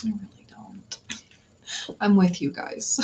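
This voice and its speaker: Over background noise, a woman with a medium-pitched voice reads tarot on a livestream. Chatty and giggly, she rambles casually with viewers, laughing often and restarting with plenty of filler words.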